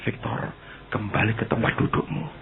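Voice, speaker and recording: A man voicing God in a sermon story, giving sharp, commanding warnings. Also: lowish voice, level tone, moderate pace, slight background noise, voice pushed down. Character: stern male God scolding the devil. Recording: tinny phone-like, husky.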